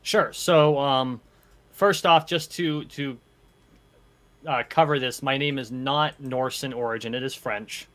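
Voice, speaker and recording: A man in his thirties from Vermont, a guest explaining his background in a measured, articulate way over a video call from a home office. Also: mid-range voice, a bit bright. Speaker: guest, political candidate. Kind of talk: conversational interview. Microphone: headset on a video call.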